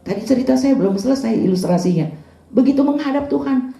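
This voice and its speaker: A woman's voice: a little high, expressive, fast talker, gravelly, mellow. A woman with a Manado accent preaching a sermon, emphatic and dramatic as she tells a story. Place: church hall. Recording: echoey room.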